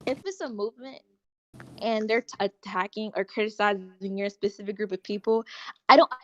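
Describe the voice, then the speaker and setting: A woman's voice: medium pitch, steady tone, fairly quick, a bit bright, no room sound, dull audio. A woman in a casual online debate, hesitant and restarting her sentences, heard through a voice-chat mic that keeps cutting in and out. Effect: choppy online voice-chat mic that keeps cutting in and out. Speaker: debate participant. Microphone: computer mic over online voice chat.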